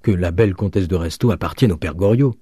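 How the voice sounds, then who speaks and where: A male narrator voicing an eager, excitable young law student in an audiobook. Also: sits low, fast, breathy edge, no room sound, clean studio sound. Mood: excited. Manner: breathless and enthusiastic. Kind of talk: audiobook reading.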